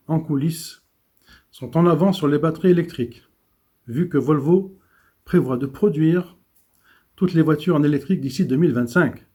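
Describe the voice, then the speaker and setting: Man, husky, slightly high, news commentary read aloud, occasional restarts. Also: warm tone. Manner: reads with small stumbles and restarts.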